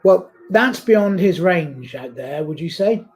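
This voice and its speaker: Man, rugby co-commentator, high voice, excitable, live match commentary. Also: slow pace. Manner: excitable, breaks into shouts at big plays.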